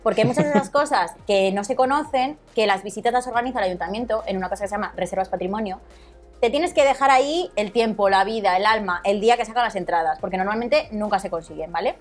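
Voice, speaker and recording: A young woman from Madrid with a local accent chats casually as a guest, talkative and colloquial. She is an Instagram content creator speaking fast at medium pitch on a lapel mic in a small indoor studio set, with faint music behind her.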